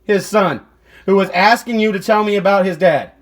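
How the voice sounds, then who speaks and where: A man with an unusually high voice begs, over and over, for an answer in a heated family argument at home. He keeps repeating himself, swinging from insistent pleading to raised shouting. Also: moderate pace. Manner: shouting at times. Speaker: adult son. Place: inside a home.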